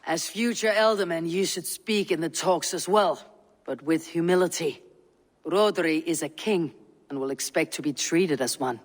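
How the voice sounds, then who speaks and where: A calm Viking clan leader, voiced by a man in a video game, grave and measured as he counsels restraint. His voice sits a little high, with a long reverb around it. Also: natural voice.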